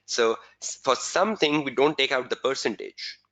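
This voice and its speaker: A man teaching an exam webinar, repeating key phrases slowly for emphasis and answering viewers' chat questions by name. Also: mid-range voice, expressive, fairly bright tone. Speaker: exam tutor.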